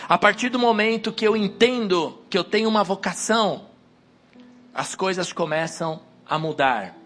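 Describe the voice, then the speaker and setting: A male preacher with a high, slightly bright voice made hoarse by a cold delivers a sermon at normal speed into a wireless handheld mic. He exhorts the congregation, building to emphatic peaks.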